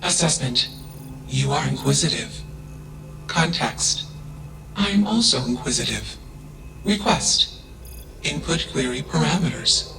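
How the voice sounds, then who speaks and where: A man voicing a curious, self-aware artificial intelligence in a video game. He speaks in a flat, emotionless way and announces a label before each statement. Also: mid-range voice, a little slow, vocal fry, pauses often, background noise. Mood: flat, robotic. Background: game music.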